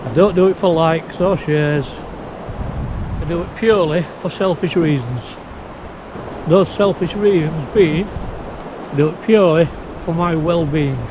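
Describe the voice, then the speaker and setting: A man's voice: fairly high pitch, measured pace. A man vlogging casually outdoors on a windy beach, his speech impeded by a sore mouth and new teeth, as if he has toothache. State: sore mouth, in pain after tooth extraction. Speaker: video blogger. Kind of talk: casual outdoor vlog, talking to camera. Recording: windy, noisy, muffled outdoor audio.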